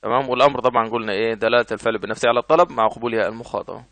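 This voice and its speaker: A man's voice: mid-range voice, gravelly, a bit bright, dry recording. Egyptian male teacher repeating examples. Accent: Egyptian Arabic. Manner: repeats examples slowly, asks and answers own questions. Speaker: Arabic grammar teacher. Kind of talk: explanatory lesson.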